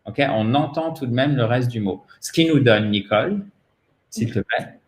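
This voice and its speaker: A man's voice: mid-range voice, roomy sound. French-accented man teaching pronunciation. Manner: patient, repeats words slowly for drilling. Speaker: English teacher. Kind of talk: pronunciation lesson.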